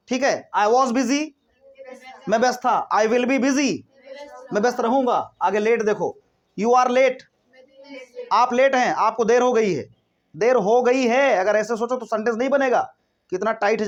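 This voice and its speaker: A man teaching a spoken English grammar lesson, explaining step by step with rhetorical questions and reading example sentences slowly before translating them. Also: extremely high pitch. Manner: explains step by step, keeps asking rhetorical questions and saying "theek hai".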